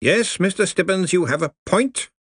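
A man voicing a pompous, hearty older head wizard who drawls slowly. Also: high voice, expressive, a bit bright, slightly rough, dry recording, studio quality, pitched above the performer's own voice, full character voice. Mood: jovial. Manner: slow, beaming, drawn-out delivery.

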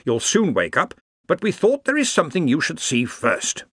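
A man doing a loud, bossy head wizard. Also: a little high, huge pitch swings, husky, no echo, clean studio sound, voice pushed up, heavily acted. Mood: commanding. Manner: brisk and commanding.

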